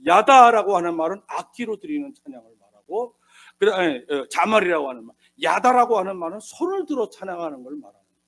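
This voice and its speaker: A South Korean pastor preaches a sermon, swinging from hushed asides to loud, emphatic bursts and acting out the voices he quotes. His voice sits high, sing-song and fast.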